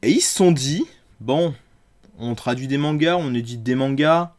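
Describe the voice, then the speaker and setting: A man's voice: mid-range voice, moderate pace, darkish tone. A man hosting a tabletop game review show, talking in a sarcastic, crude and theatrical monologue.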